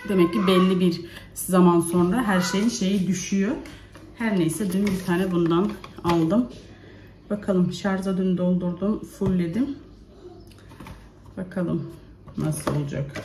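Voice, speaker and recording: A woman's voice: medium pitch, mellow. A woman chatting in a home vlog, often calling out to her children as she does chores. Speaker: vlogger and mother. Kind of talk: casual home vlog chat. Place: home, kitchen and yard. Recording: echoey room with background noise.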